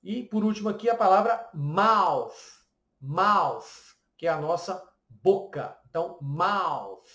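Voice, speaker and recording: High-voiced Brazilian teacher, echoey room. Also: male voice, big pitch swings, unhurried, a bit bright. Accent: Brazilian Portuguese. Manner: explains patiently with frequent "né?" and "ok?" tags. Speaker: English teacher. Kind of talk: pronunciation lesson.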